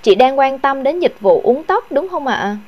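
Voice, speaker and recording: Female salon receptionist, higher-pitched, formal and courteous customer service delivery. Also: big pitch swings, normal speed, muffled recording. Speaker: salon receptionist taking a phone booking.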